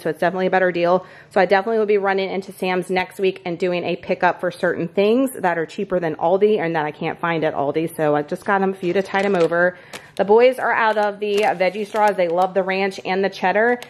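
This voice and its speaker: A woman in her thirties chatting casually through a grocery haul in her home kitchen. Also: medium pitch. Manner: chatty and upbeat, quick asides. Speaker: vlogger.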